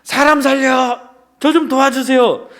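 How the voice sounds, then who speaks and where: A man voicing a panicked man who hangs from a cliff branch and shouts desperately for help. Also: very high voice, fairly even intonation, measured pace, voice pushed up.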